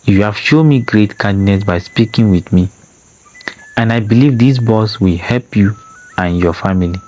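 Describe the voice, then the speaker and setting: A man voicing a soft-spoken, polite male trader who is a stranger in the village. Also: on the low side, moderate pace, natural voice. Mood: gentle.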